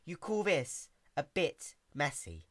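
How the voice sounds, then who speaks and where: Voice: slow pace, dry recording, exaggerated voice. A storyteller voicing a furious, exasperated young female pony princess who scolds with heavy emphasis in a cartoon fan story. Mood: controlled anger. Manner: emphatic, swinging from icy calm to booming shouts.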